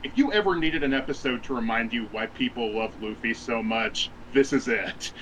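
Bright-voiced laughing podcast co-host, a man. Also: mid-range voice, moderate pace, slight background noise, poor audio. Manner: laughs often, wry and profane. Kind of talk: casual chat.

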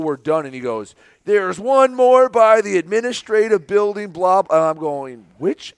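A man's voice: a little high, no echo, studio quality. A man co-hosting a sports podcast, telling a long story in casual chat and laughing often.

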